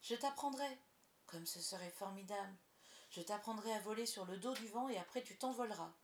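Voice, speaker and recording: A woman's voice: medium pitch, a little fast, natural voice. A woman voicing a cocky, wheedling boy who never grows up, in a roomy recording. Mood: coaxing. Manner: boastful, wheedling. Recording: roomy echo.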